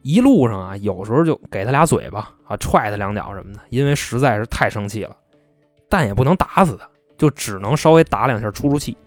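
A man's voice: on the low side, no room sound. A man casually telling a true-crime story in a chatty, colloquial way.

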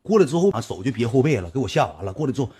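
A young man with a Northeastern Mandarin accent telling a personal anecdote casually, swinging from low mumbles to high excited bursts. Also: racing, a little hiss or hum. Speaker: storyteller.

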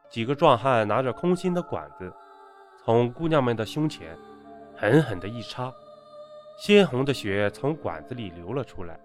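Animated male horror storyteller. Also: mid-range voice. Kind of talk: spoken horror story narration.

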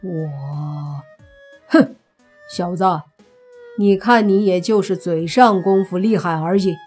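A woman's voice: on the low side, takes it slowly, darkish tone, slightly rough, faint music behind. A woman voicing a stern middle-aged father.

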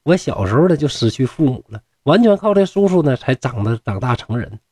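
A man's voice: medium pitch, very animated, a little fast, darkish tone, no room sound, clean studio sound. A man voicing a young fox-spirit woman who speaks sweetly and earnestly. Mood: coaxing.

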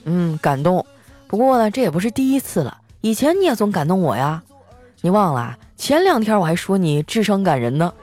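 A woman's voice: on the low side, very animated, brisk, a little mellow, faint music behind. A woman voicing her joking, mocking older brother. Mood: teasing. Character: teasing older brother, playful.

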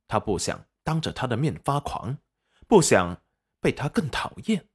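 A man narrating a serialized web novel audiobook with expressive storytelling. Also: medium pitch, normal speed, husky.

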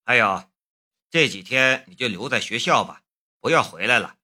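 A man playing a gruff protective older brother. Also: medium pitch, animated, normal speed, sharp tone. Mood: stern. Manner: gruff, mock-stern.

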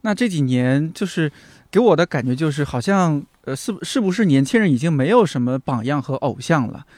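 A man's voice: a little high, animated, a little fast, a little mellow, dry recording, clean studio sound. A man in his thirties hosting a casual conversation and putting questions to his guest. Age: 30s. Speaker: podcast host.

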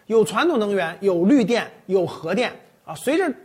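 A woman talks through a list of forecasts in loose, chatty commentary, giving her own verdict on each point. Her voice is slightly husky, and her pitch rises and falls in a lively way. She comes across as opinionated, adding her own take with restarts and fillers. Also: normal speed. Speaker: finance commentator.

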